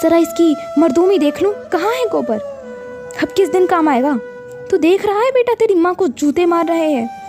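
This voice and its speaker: A woman voicing a fierce, proud village wife who scolds in a shrill, tearful voice. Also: animated, normal speed, music in the background. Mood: angry scolding.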